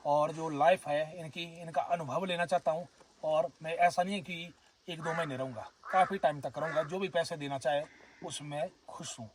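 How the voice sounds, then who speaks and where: Himachali male vlogger, chatty and friendly, slightly high voice, outdoor camera mic at a distance. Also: a little hiss or hum. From Himachal Pradesh, India. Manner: chatty, addresses viewers as friends and brothers. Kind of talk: casual vlog narration. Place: outdoors at a forest herders' camp.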